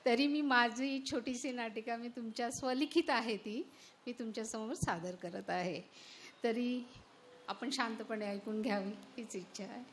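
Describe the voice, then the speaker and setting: A woman's voice: a little high, normal speed, slight background noise. A woman giving a formal, nervous stage introduction as a contestant. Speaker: competition contestant.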